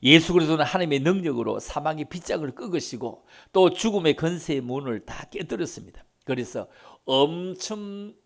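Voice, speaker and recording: A male pastor delivering an Easter sermon in a church, his slightly raised voice rough and gravelly. His pitch swings widely as he moves from ringing declarations to hushed, near-whispered lines. He repeats key phrases for dramatic weight. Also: expressive, brisk, few pauses. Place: church sanctuary.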